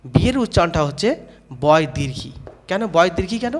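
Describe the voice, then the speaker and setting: A man giving a spoken lesson on how to say letters, asking questions, answering them himself and repeating each sound slowly. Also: on the high side, animated, background noise. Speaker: English teacher.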